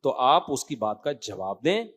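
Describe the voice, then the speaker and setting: A man giving an informal religious talk, animated, often checking that listeners follow. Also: medium pitch. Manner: animated, rising to emphatic loud stretches then dropping quiet; conversational, asks listeners rhetorical checks. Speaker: Islamic cleric answering questions.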